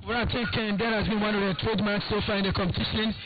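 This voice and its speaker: A man giving measured football analysis as co-commentator. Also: sits high, level tone, noisy background. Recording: dull audio with music behind.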